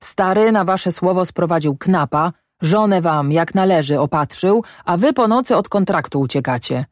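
A man's voice: sits high, animated, normal speed, no room sound, pitched above the performer's own voice. An indignant older farmhand in a storybook, voiced by the reader. He grumbles and reproaches in a plain, slightly raised voice. The sound is dry and close. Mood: reproachful.

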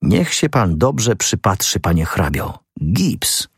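A man's voice: slow, husky, no echo, clean studio sound, heavily acted. A man doing an exalted young sleuth. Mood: triumphant. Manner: rising to excited, high-pitched outbursts. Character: young male amateur detective, brash and exalted. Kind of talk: audiobook character reading.

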